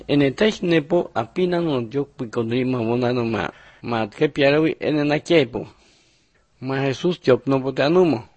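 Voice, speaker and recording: A man narrating numbered Bible picture lessons in a steady, measured reading style. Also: mid-range voice, creaky, slightly rough, no room sound. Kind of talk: scripted religious narration.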